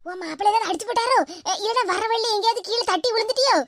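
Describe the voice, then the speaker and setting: A woman with a Tirunelveli Tamil accent voicing a fussing, curious neighbor woman in a cartoon, with sped-up, high voice. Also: fairly bright tone, a little hiss or hum. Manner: quick, fussing questions and homely chatter. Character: concerned older neighbor woman, curious about gossip.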